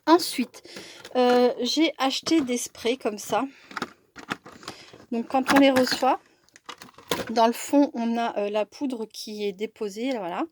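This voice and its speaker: A woman talks slowly and unhurriedly as she shows off craft supplies in a casual haul video. Her voice sits a little high, and she hesitates often, circling back and restarting her sentences. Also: noisy background. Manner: slow and hesitant, many fillers and restarts. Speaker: crafting vlogger. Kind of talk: casual product haul chat.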